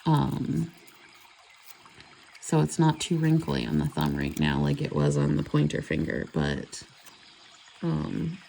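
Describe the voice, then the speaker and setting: A woman's voice: rumbling low, sing-song, slow, vocal fry, long pauses, mellow, a little hiss or hum. A woman chatting casually and rambling as she does her nails. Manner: chatty, rambling, self-correcting. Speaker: nail vlogger. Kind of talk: casual chat while doing nails.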